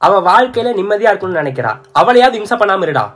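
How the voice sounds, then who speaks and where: A young woman acting in a comedy skit, bossy and quick to scold. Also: mid-range voice, sing-song, breathy edge, soft background music.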